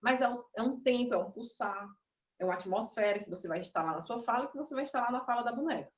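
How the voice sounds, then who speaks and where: The instructor talks fast with a fairly high pitch, explaining and demonstrating puppetry to an online class. A touch of nerves shows as she interrupts herself, and the echoey room makes her sound far away.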